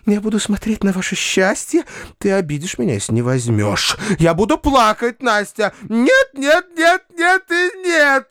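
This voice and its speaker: A giddy elderly spinster gushes in a shrill, breathless voice, as a man reading an audiobook puts her on. Her pitch leaps about wildly, and the sound is close and dry. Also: very animated, a little slow, pushed and bright, smooth, no echo, heavily acted. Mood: ecstatic. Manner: shrill, breathless, tearful gushing.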